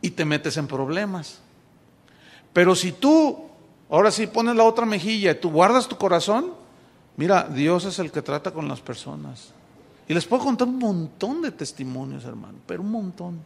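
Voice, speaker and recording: A man preaches a sermon in a high, gravelly voice. He tells his story by acting out the dialogue and often starts phrases over. His voice carries the long reverb of a large hall. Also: lively intonation, moderate pace. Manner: storytelling with acted dialogue, many restarts. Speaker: pastor.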